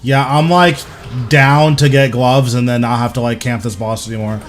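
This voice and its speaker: A man's voice: mid-range voice, fairly even intonation, normal speed, slight background noise. A young man giving casual, rambling live commentary while streaming a video game. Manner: rambling, thinking aloud, informal.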